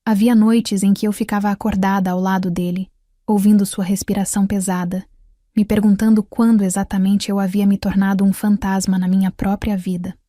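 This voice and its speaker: A woman telling a sad first-person life story in a somber, measured scripted narration. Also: mid-range voice, flat delivery, mellow, dry recording, clean studio sound.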